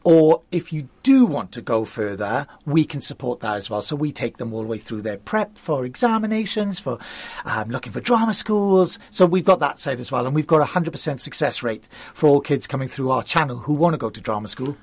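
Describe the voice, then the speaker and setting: Husky, chatty man with a Welsh accent. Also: mid-range voice, lively intonation, no echo. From Wales. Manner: enthusiastic, chatty, quick bursts. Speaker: youth theatre school founder, guest. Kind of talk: conversational interview.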